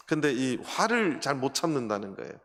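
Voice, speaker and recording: A man's voice: medium pitch, sing-song, measured pace, fairly bright tone, slight background noise. A man preaching a sermon as a pastor, telling a story and putting rhetorical questions to the congregation. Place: church sanctuary. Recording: long hall reverb.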